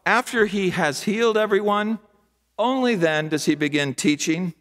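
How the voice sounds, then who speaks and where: An older man preaching a sermon from a church pulpit, with rhythmic, repetitive phrasing and emphatic pauses. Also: high-pitched, a bit bright. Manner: gestures broadly with both hands while preaching. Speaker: pastor. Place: large church sanctuary, at a wooden pulpit. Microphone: pulpit microphone. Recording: long church hall reverb.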